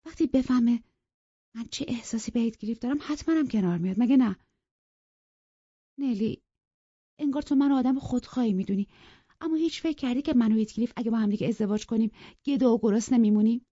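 Woman reading as a headstrong young woman, all passion and defiance, kinda husky, dull dry lo-fi audio. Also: on the high side, pauses often, dark tone, dry recording, pitched above the performer's own voice, lightly acted. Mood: pleading. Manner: impassioned, pleading and defiant.

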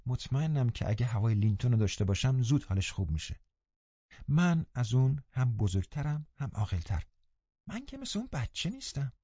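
A man's voice: mid-range voice, big pitch swings, mellow, breathy edge, no echo. A man reading an audiobook voices a headstrong teenage girl, speaking in a pleading, self-assured way. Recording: slightly dull, muffled recording.

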